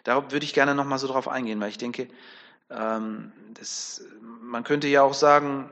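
A male preacher gives a sermon in a relaxed, conversational manner, often tossing a quick question back at his listeners. His voice sits at an ordinary middle pitch. A long reverb trails behind him, as in a large hall. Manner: conversational, with frequent tag questions.

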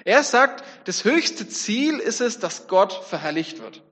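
High-voiced preacher in a reverberant hall. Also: male voice, very animated, slow, fairly bright tone. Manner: reflective, speaks to the congregation directly. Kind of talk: sermon. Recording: long church reverb.

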